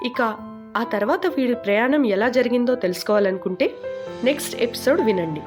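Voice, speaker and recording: Woman audiobook narrator, mid-high voice, steady, even telling. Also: a little fast, over music.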